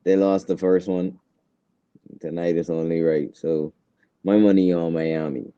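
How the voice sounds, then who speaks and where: A man's voice: low-pitched, fairly even intonation, unhurried, dark tone, smooth, no room sound, highs cut off. A man co-hosting a casual sports chat, brash and slangy, talking up his picks with swagger. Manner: brash, slangy trash talk. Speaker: co-host.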